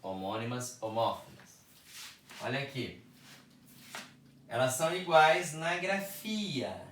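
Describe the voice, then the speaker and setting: A male teacher with a Brazilian Portuguese accent explains a lesson at a very slow, deliberate pace, repeating key words for emphasis. His voice sits at a middle pitch. It is recorded from a distance in an echoey room. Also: lively intonation, fairly bright tone, a little hiss or hum. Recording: echoey room, speaker far from mic.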